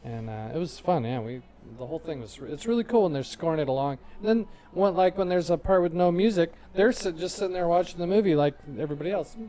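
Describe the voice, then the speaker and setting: A man's voice: fairly high pitch, animated, fast talker, few pauses, dark tone. A man in his forties co-hosting a podcast in casual chat, laid-back and trailing off with fillers. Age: 40s. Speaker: podcast co-host.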